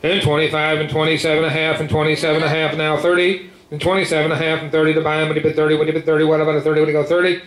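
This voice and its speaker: Male auctioneer, slightly high-pitched, rolling repetitive bid chant; echoey, noisy room. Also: completely flat delivery, racing, hardly any pauses, fairly bright tone. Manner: repetitive patter with filler words between numbers. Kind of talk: rapid rhythmic auctioneer chant calling bids. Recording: echoey room with clear background noise.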